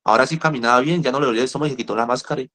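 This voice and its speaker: Man, middle-aged, rehab counselor, animated storytelling, mid-pitched voice. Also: rapid-fire. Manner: animated, repeats words, speaks directly to listeners. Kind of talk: motivational talk with storytelling.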